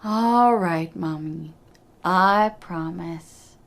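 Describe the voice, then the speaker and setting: A woman voicing a sneaky, eager young boy in a fairy tale, often hushed to a whisper. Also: on the low side, drawn-out words, gravelly, exaggerated voice. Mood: meek. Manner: hushed whisper when scheming.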